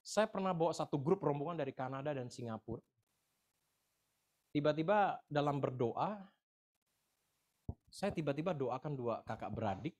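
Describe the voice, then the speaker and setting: A middle-aged man preaching a sermon as a pastor. He swings from loud, emphatic outbursts to low, quiet storytelling and adds playful, humorous asides. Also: a little hiss or hum.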